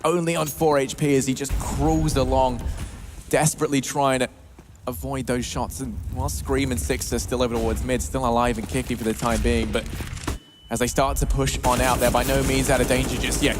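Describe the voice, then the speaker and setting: Male esports caster over music. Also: mid-range voice. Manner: esports caster delivery, swinging from measured build-up to loud excited calls. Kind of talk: live esports match commentary.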